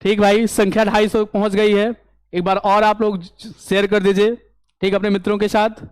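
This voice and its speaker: A man teaching an English grammar lesson for an exam, explaining step by step and often asking if it is clear. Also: sits high, little pitch movement, normal speed, no echo. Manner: explains step by step, keeps asking "clear?" and answering his own questions.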